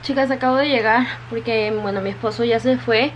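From her home in Japan, a vlogger talks in a chatty, repetitive way, often addressing her viewers as "chicas" while still wet from the rain. Her voice is a little high, fairly even in intonation, and fairly quick. A crowd can be heard in the background.

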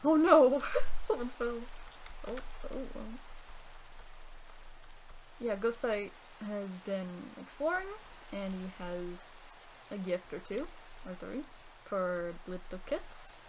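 A woman's voice: medium pitch, slow pace, long pauses, a little hiss or hum, low-quality recording. A woman streamer giving casual gameplay commentary in a chatty, self-deprecating way.

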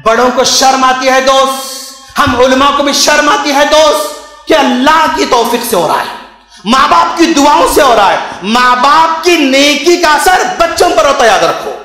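A man with a Hyderabadi Urdu accent preaching a passionate, repetitive sermon in a mosque, often rising to a shout. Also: extremely high pitch, expressive, moderate pace, faint music behind. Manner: impassioned, repetitive, calls listeners "friend", bursts into shouting. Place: mosque hall. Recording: very echoey mosque hall.

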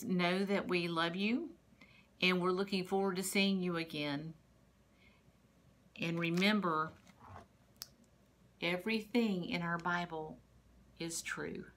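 A woman in a Sunday school teacher's role tells a Bible story to preschoolers. Her voice sits a little low, and she speaks slowly and patiently, pausing like a storyteller. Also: fairly bright tone, a little hiss or hum. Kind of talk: children's Bible lesson.

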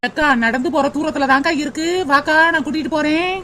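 A woman's voice: high voice, fairly even intonation, quick pace, heavy background noise, close to an everyday voice. A woman voicing a cheeky, persuasive young village woman in a cartoon, with a Tirunelveli Tamil accent. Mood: eager. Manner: chatty, persuasive.

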